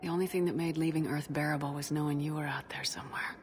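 A woman voicing a steady, wry, affectionate military space commander in a video game, understated and dryly teasing. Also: sits low, fast, a little hiss or hum. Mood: tender, intimate.

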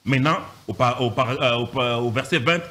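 A pastor teaches from the Bible in an animated, emphatic style, repeating phrases and firing off rhetorical questions. His voice is mid-range and fairly quick.

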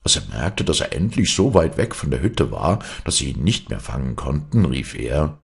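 A man narrating a fairy tale for an audiobook with an expressive, swinging delivery. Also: extremely low pitch, normal speed, vocal fry, husky. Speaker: storyteller.

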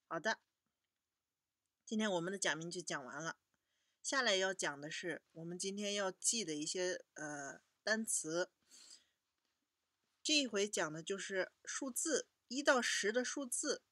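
A woman teaching a children's language lesson, patiently repeating each word slowly for young learners. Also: medium pitch, lively intonation, fairly bright tone, dry recording, clean studio sound.

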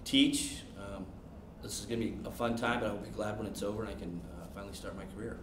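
Thirties man, low monotone interview answers, distant roomy sound. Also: fast talker. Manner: steady, many "um"s. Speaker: substitute teacher and baseball coach. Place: classroom, indoors. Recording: distant echoey classroom with noise.

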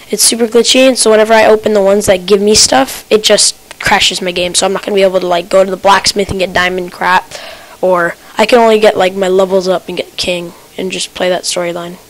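A woman talks through her gaming session in loose, rambling commentary, thinking aloud and tripping over her words as she goes. She speaks at a middling pitch, close to a desk computer mic that catches soft keyboard clicks. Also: steady tone, fairly quick, rough recording. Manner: rambling, self-talking, with restarts and stutters. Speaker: gamer. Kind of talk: casual gameplay commentary. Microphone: desk computer mic picking up keyboard clicks.

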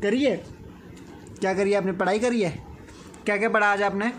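A man's voice: high voice, steady tone, a little fast, fairly bright tone. A young man vlogging at home, talking playfully and coaxingly with a small child. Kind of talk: casual home vlog chat. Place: family home indoors. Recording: noisy home recording.

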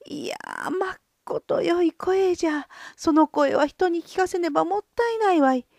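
A woman's voice: moderate pace, creaky, a little mellow, dry recording, studio quality. A woman voicing a greedy, fawning male peddler in a folk tale, calling out like a street hawker. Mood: flattering. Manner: shrill, fawning, hawker's calls.

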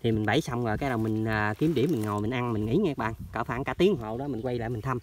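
A man talks quickly and steadily as he walks through rural orchards and along canal banks. He speaks straight to his viewers in a chatty, casual way. Clear outdoor noise runs behind his voice throughout the recording. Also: mid-range voice. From southern Vietnam. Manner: chatty, addresses viewers constantly. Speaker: trapping vlogger. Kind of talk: casual outdoor vlog narration. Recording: noisy outdoor field recording.

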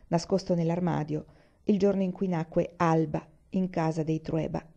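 A woman narrating a novel in a calm, measured reading, in a dull lo-fi recording. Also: mid-range voice. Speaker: audiobook reader. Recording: dull lo-fi audio.

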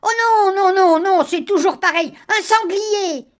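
Squeaky, excited little village boys, pitched far above a grown man's range. They plead and clamor eagerly, as if they are the smallest of the gang in a storybook reading. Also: measured pace. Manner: high squeaky pleading child voice.

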